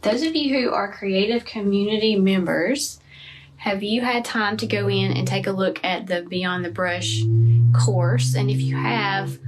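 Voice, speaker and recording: A woman teaching a live painting lesson, chatting and thinking aloud as she paints. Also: medium pitch. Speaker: art teacher. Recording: from a distance, faint room noise.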